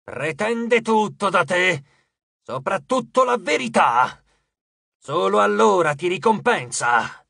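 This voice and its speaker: A man voicing an invisible male god of love who mocks and torments, speaking slowly and drawing out his words. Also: high voice, animated, a bit bright, husky, dry recording, clean studio sound, full character voice. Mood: taunting. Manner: slow, drawn-out, taunting delivery.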